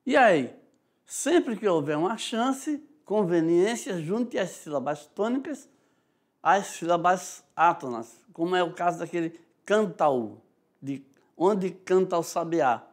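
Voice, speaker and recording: A man's voice: sits high, lively intonation, measured pace. A male teacher with a Brazilian Portuguese accent explaining a lesson, checking in often with "tá?" and "né?". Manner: explanatory, frequent "tá?" and "né?" check-ins, demonstrates rhythms aloud. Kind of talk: recorded online class lecture.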